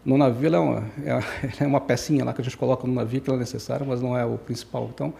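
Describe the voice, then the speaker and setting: A Brazilian-raised engineer in his sixties, guesting on a relaxed podcast, recounts his life in a rambling way and keeps correcting himself. His mid-range voice is mellow and creaky, very fast, with fairly even intonation.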